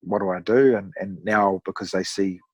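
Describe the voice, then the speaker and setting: A man in his thirties with a broad New Zealand accent, chatting casually as a podcast guest in a laid-back, matey, rough-around-the-edges way. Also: deep voice, fairly even intonation, normal speed, no echo. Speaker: podcast guest, amateur endurance athlete. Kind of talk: casual conversational storytelling.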